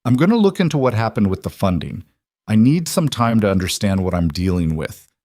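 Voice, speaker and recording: A composed, careful businesswoman with a measured, deliberate manner, heard in a storybook reading, as a male narrator reads her lines. The voice is low and dry. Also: very animated, darkish tone, no echo. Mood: resolved.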